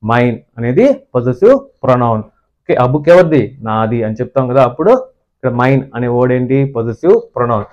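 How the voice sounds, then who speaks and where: A man with a Telugu accent gives a grammar lesson at a mid-range pitch, stretching out each English definition before speeding through his explanations. He keeps asking the listener questions like a classroom teacher. The recording sounds a little muffled and lo-fi. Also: moderate pace, a little mellow.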